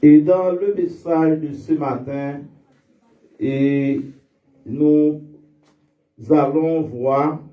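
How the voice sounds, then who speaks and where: A man's voice: fairly high pitch, fairly even intonation. Man preaching a sermon, checks in with the congregation a lot, dull echoey church sound from a far mic. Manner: calls out to the congregation for responses; reads scripture slowly and emphatically. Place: church sanctuary.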